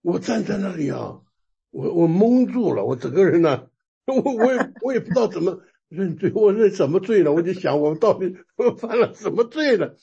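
A man gives an animated sermon, telling a personal testimony. His voice is gravelly and deeply husky, and his pitch leaps up and down. The recording sounds dull and lo-fi. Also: normal speed. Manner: animated storytelling, laughs often, repeats words. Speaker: preacher.

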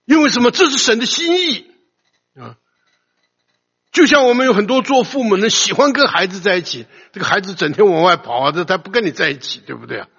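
An older man preaches a sermon in a loud, emphatic voice that sits high and swoops up and down. His tone is gravelly and husky, and the recording is dull and lo-fi with a long hall reverb trailing each phrase. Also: lively intonation, a little fast.

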